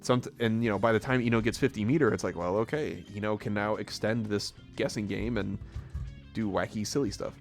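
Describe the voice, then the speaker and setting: A man's voice: fairly low pitch, fairly quick, faint music behind. A man casually commentating a live fighting-game tournament, rambling and chuckling often.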